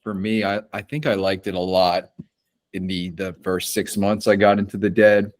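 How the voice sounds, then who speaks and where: A man's voice: sits low, flat delivery, moderate pace. A man chatting casually about music, wry and teasing in a loose way. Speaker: co-host ranking songs. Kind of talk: casual chat.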